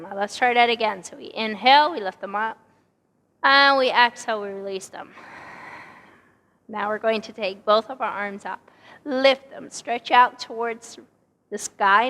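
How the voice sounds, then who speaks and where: A woman with a hoarse, partly lost voice leading a Pilates class, calmly cueing each breath and movement. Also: fairly high pitch, long reverb tail. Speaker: Pilates instructor. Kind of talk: guided exercise instruction. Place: exercise studio.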